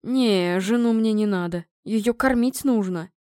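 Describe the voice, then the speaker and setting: A woman voicing a crude, grubby male vagabond suitor in a low, whining, boorish voice. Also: unhurried, darkish tone, no room sound, studio quality, lightly acted. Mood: haggling. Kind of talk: audiobook reading.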